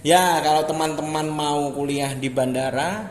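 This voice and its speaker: A man's voice: a little high, measured pace. A man interviewing a guest casually, joking and dropping English words into his questions. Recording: echoey hall, faint noise.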